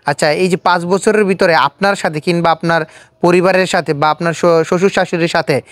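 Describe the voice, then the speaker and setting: A steady, medium-pitched voice, a little fast and free of room sound, belongs to the interviewer and host of this casual street-style video. He speaks with a Bangladeshi accent and follows up by repeating responses back as questions.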